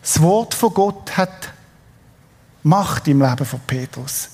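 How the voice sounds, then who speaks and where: A man's voice: on the high side, expressive, slow, darkish tone, breathy edge, in a large hall. A middle-aged man with a Swiss German accent preaching a sermon, telling a story with energy and putting questions to his congregation. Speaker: pastor.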